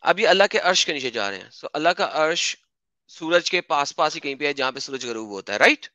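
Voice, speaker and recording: A high, piercingly bright male voice, recorded close and completely dry. He hosts an online debate and argues with a teasing, mocking edge, drawing out his lines for effect. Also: lively intonation, brisk, dry recording. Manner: mocking, theatrical when reading quotes. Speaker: debate host. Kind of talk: online debate with screen share.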